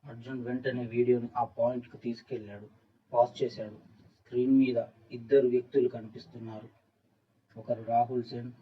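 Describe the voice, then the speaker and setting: A man reading a scripted horror story as narrator, with an even, flat delivery. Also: mid-range voice, a little hiss or hum. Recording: dull, distant-sounding recording.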